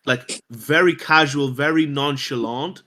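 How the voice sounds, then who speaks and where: A man's voice: mid-range voice, measured pace, pushed and bright, a little hiss or hum. Man hosting a casual podcast chat. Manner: earnest, explains with rhetorical questions. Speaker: podcast host.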